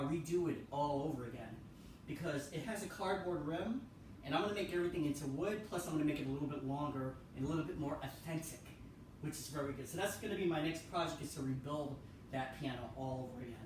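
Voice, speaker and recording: A man's voice: a little high, quick pace, a little hiss or hum. A man giving a casual tour of his home pianos, rambling and repeating himself with many ums. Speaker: piano vlogger. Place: room in a house. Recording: echoey room, far from the mic.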